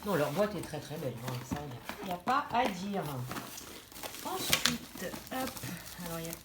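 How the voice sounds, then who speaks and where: A woman's voice: fairly low pitch, sing-song, moderate pace. A woman talks casually through an unboxing, hesitant and chatty, full of fillers and restarts. Her voice rings in an echoey room with plain background noise. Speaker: diamond painting vlogger. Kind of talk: casual unboxing chat to camera.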